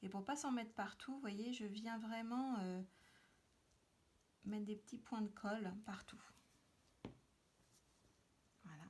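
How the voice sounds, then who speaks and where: A woman's voice: mid-range voice, takes it slowly, long pauses, darkish tone, slight background noise. A woman hosting a card-making tutorial, talking casually while she works with many hesitations and fillers. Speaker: crafting tutorial host. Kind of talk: casual craft demonstration.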